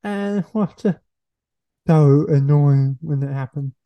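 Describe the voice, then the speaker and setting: Slow, halting young woman, lo-fi sound. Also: sits low. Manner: halting, searches for words with pauses and "uh". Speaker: podcast guest. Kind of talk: casual conversation. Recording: dull lo-fi recording.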